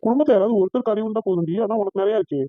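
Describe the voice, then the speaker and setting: A woman's voice: medium pitch, racing, no room sound, close to an everyday voice. A woman voicing a cheeky young man who teases playfully, in a cartoon. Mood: teasing. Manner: playful, teasing. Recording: tinny phone-like dry sound.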